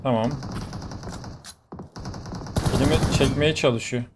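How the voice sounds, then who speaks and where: A young man commentating his own gameplay live, excitable and quick to exclaim and swear in the middle of fights. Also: mid-range voice. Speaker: gaming YouTuber. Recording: faint game noise behind. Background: gunfire from the game.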